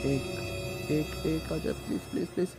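A man voicing a boastful, excitable bald young boy in a cartoon dub, pleading and bragging. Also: medium pitch, brisk, lightly acted. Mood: excited. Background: background music.

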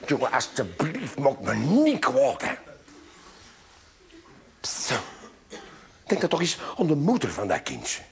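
A man's voice: mid-range voice, huge pitch swings, slow, creaky, long pauses, voice pushed down, full character voice. A man doing a pleading, scolding mother. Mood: coaxing. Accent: Flemish. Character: worried scolding mother of a boy.

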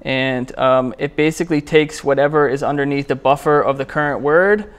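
At a programming meetup, a man with a clear, slightly high voice gives a casual technical talk with a live demo at a moderate pace. He's speaking to a small group in an indoor meetup room.

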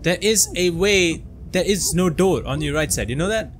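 A man's voice: high voice, moderate pace, slight background noise. A man talking casually over his gameplay, reacting aloud and cursing at the game. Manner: chatty, reacts aloud, laughs and curses at the game. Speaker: gameplay streamer.

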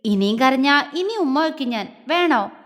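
A woman's voice: high voice, expressive, normal speed. A woman voicing a young husband who teases playfully and grows stern when angry, heard in a reverberant room. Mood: tender teasing. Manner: playful coaxing, turning stern at times. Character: young husband, teasing, tender, quick-tempered.

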